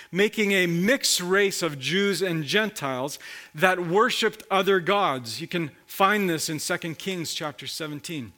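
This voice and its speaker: Guy preaching slow, bright voice, asks questions to the congregation. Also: high-pitched. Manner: slow, reflective Bible teaching with rhetorical questions. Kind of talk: sermon.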